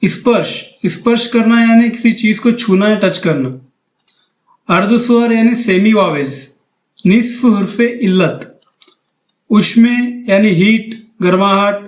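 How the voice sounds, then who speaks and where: High-pitched guy teaching grammar step by step, lots of repeating terms, echoey room. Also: lo-fi sound. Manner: patient, methodical, repeats each term with synonyms. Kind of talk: recorded grammar lecture over slides.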